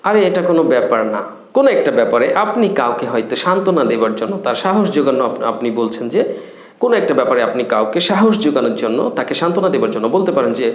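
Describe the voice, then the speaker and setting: A man teaching spoken English phrases in Bengali, saying each English phrase slowly and repeating it with care. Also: mid-range voice, big pitch swings, echoey room.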